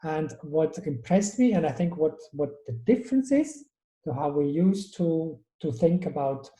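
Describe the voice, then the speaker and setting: A Swiss innovation strategist, appearing as a guest in a conversational interview, speaks thoughtfully and often restarts his sentences. His voice is on the high side, expressive and dark in tone, delivered a little slowly. The recording is low quality and reverberant.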